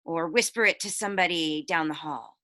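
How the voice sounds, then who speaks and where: A woman teacher reads a picture book aloud to children in a low, fairly quick voice. She is expressive and adds chatty explanations and questions for her listeners.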